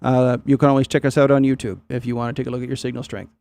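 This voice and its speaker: A man's voice: mid-range voice, flat delivery, rapid-fire, creaky. Man hosting a radio net, noisy background. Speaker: amateur radio net controller, host. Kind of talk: casual radio net check-ins with phonetic call signs.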